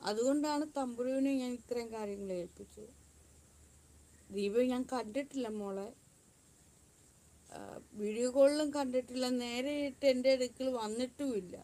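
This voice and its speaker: A woman's voice: on the high side, measured pace, long pauses, warm tone. A woman in a defiant vlog monologue who repeats herself and speaks of herself in the third person. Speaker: YouTube channel owner.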